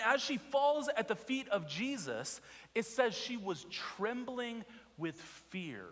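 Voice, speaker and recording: Animated male pastor preaching in a reverberant hall. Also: sits high. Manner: animated storytelling with rhetorical questions. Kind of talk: sermon. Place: church sanctuary.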